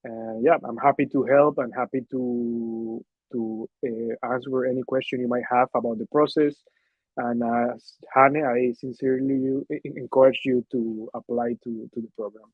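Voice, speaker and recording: A man from Colombia politely introduces himself as a law student, stumbling a little over his words. His pitch stays even. The call sound is narrow and completely dry. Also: normal speed, slightly rough, no room sound. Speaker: program fellow and law student. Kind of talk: self-introduction on a video call. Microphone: video call. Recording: dry, tinny phone-like call audio.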